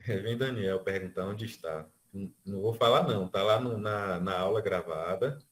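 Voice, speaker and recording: Teaching music online by video call, this Brazilian man counts out beats and elongates syllables as he explains. His voice sits fairly low, moves at normal speed, and carries a Brazilian Portuguese accent.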